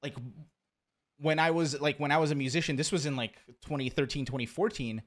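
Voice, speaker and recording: A man from Brazil, raised in rural Pennsylvania, speaking as a podcast guest in a relaxed, rambling way full of "like.". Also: fairly high pitch, a little fast. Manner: relaxed, rambling, heavy use of "like". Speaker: podcast guest, former musician. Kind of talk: casual podcast chat.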